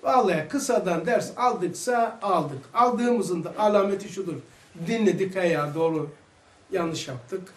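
A man with a Turkish accent giving an informal religious lesson, animated and full of rhetorical questions. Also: sits high, a little slow. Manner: animated, acts out quoted voices, rhetorical questions. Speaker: religious teacher. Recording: echoey room, mic some distance away.

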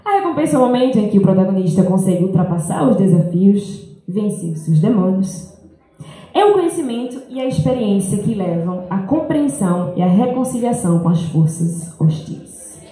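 A woman's voice: mid-range voice, lively intonation, moderate pace, mellow. Earnest woman reading a talk in an echoey hall. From Brazil and France. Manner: earnest, reflective, reads from paper. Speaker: speaker giving a school talk. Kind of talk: reading a personal talk aloud. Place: large school hall, indoors. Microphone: handheld mic.

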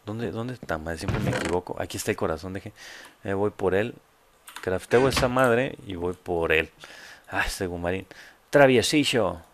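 A man's voice: sits low, moderate pace, background noise. A man with a Mexican accent giving casual, joking let's play commentary full of crude slang. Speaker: gamer host.

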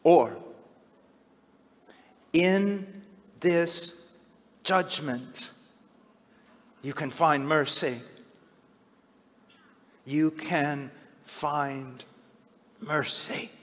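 A middle-aged man preaching a sermon, swinging from hushed, slow passages to loud, shouted cries. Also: a little high. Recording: long hall reverb.

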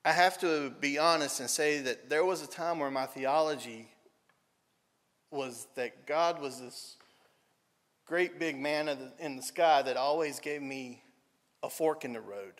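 Man, Southern accent, pastor, earnest storyteller, fairly high voice, echoing sanctuary. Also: unhurried, fairly bright tone. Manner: earnest, storytelling, repeats phrases for emphasis. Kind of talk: sermon. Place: church sanctuary. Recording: long church hall reverb.

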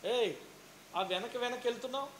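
A man voicing Jesus as a gentle, fatherly grown man who coaxes softly, within a sermon. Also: very high voice, brisk, a little hiss or hum. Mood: coaxing.

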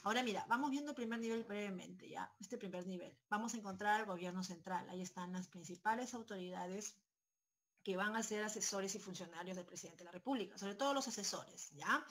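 A woman with a Peruvian Spanish accent teaches a pre-university civics class online from her home, speaking through a headset. Her voice is medium-pitched, fairly bright and a little fast. She keeps checking in with students, using lots of tag questions and fillers.

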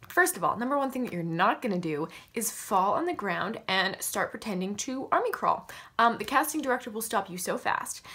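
Chatty youtuber lady with kinda high voice, jokey and self-mocking, giving acting tips. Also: a bit bright. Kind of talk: casual vlog-style acting advice.

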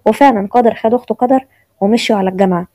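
A woman's voice: on the high side, dark tone, dry recording. A woman with an Egyptian accent narrating a serial story in a conversational way. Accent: Egyptian Arabic. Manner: rapid, conversational.

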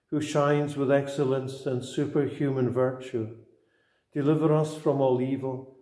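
Man reciting prayers in cathedral echo. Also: medium pitch. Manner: slow, steady, even-toned reciting. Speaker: prayer leader. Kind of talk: slow liturgical recitation.

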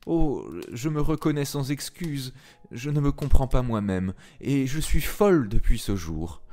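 A man's voice: medium pitch, lively intonation, unhurried, voice pushed up, natural voice. Male reader doing an anguished young wife, pleading, impassioned, tearful confession, swooping delivery, dramatic literary reading. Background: soft piano music.

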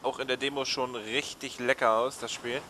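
A man's voice: mid-range voice, level tone, normal speed, background noise. A man giving casual gameplay commentary. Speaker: gaming video maker. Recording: game sound clearly behind voice. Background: video game ambience and dialogue.

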